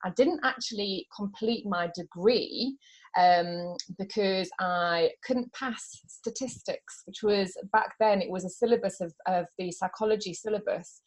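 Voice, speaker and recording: A woman's voice: mid-range voice, measured pace. Chatty woman podcast guest from South Africa. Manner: warm, chatty, laughs easily, emotional. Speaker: podcast guest, business coach. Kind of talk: casual interview chat.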